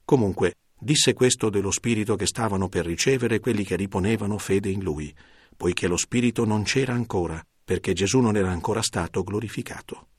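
A man narrating a scripted Bible reading in a steady, even way. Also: on the low side, fairly quick, slightly rough, dry recording, clean studio sound.

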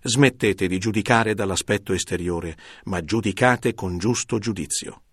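A man reading the lines of a calm, authoritative male teacher in a measured, solemn scripted Bible reading. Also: deep voice, slightly rough, dry recording, studio quality, full character voice.

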